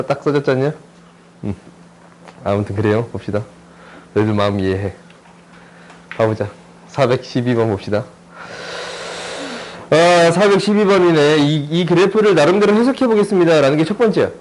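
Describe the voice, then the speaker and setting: A man teaching a recorded math lesson in a chatty, joking way, checking in with his students through constant quick questions as he works through a graph problem. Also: fairly high pitch, a little mellow, poor audio. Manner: jokey, chatty, asks students lots of tag questions.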